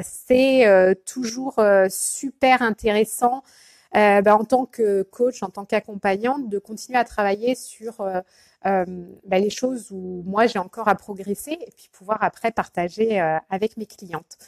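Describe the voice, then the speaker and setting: A woman's voice: medium pitch, a little slow, no room sound. A woman coach chatting casually in a live video, hesitant and full of fillers and restarts, greeting viewers by name. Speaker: life coach.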